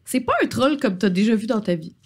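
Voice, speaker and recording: A woman's voice: on the high side, animated, brisk. A woman narrating as game master, chatty, with frequent filler sounds.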